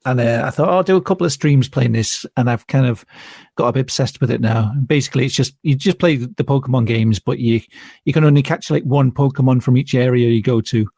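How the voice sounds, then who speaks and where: A man's voice: mid-range voice, fast talker, gravelly, dark tone, no room sound, clean studio sound. A man chatting as a podcast guest, easygoing and talkative, with hesitant fillers. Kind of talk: casual chat.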